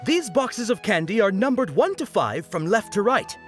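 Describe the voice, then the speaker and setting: A woman's voice: medium pitch, big pitch swings, moderate pace, faint music behind, lightly acted. A woman voicing a cheerful, showy festival vendor who plays a knight for children in a video game. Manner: showy, encouraging, addresses children playfully. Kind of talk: video game character acting.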